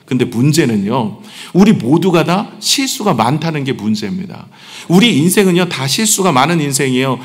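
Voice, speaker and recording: A middle-aged man, the senior pastor, preaching a sermon in a conversational way, asking the congregation questions and joking about himself. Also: a little high. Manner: conversational preaching, asks the congregation questions, self-deprecating humor. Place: church sanctuary. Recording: long church hall reverb.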